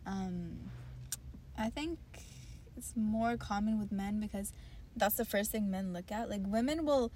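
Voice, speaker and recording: A woman's voice: medium pitch, a little slow, warm tone, slight background noise. A young woman co-hosting a podcast, thinking aloud in casual chat, hedging with lots of "like" and "you know". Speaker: podcast co-host.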